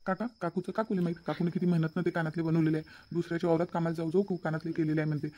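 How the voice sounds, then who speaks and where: A man's voice: on the high side, flat delivery, rapid-fire, mellow, lightly acted. A man voicing a kind young nephew in a cartoon, earnestly reassuring his aunt. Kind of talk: cartoon voice acting.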